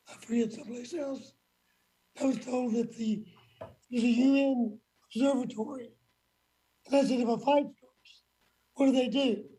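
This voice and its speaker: Guy legislator grilling witnesses, really slow and husky, blunt folksy short phrases. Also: extremely high pitch, dark tone, poor audio. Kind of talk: formal hearing questioning, folksy.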